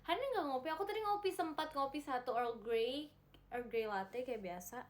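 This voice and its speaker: A woman's voice: high-pitched, fairly quick. A young woman chatting casually on a livestream, reading viewer comments, giggling and repeating herself. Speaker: livestream host reading chat.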